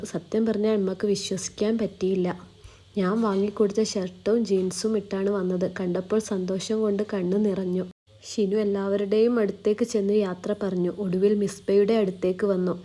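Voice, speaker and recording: Calm woman storyteller, mellow voice. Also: mid-range voice, moderate pace. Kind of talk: storytelling narration.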